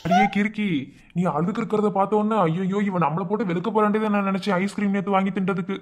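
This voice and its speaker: Man voicing a brisk, teasing young husband from Madurai for a cartoon. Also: high-pitched, steady tone, natural voice. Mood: happy. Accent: Madurai Tamil. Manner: teasing, bantering. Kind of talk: cartoon voice acting.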